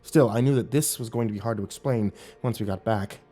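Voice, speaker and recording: Male horror narrator, mid-pitched, hushed creepy storytelling with suspense, music bed. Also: brisk. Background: music behind the voice.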